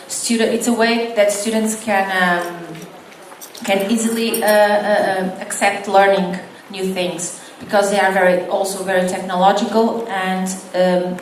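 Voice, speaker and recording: A middle-aged woman from Portugal, an English teacher giving a conference talk, hesitant with many fillers and restarts. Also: medium pitch. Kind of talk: conference presentation. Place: conference hall. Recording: echoey hall from far off, faint noise.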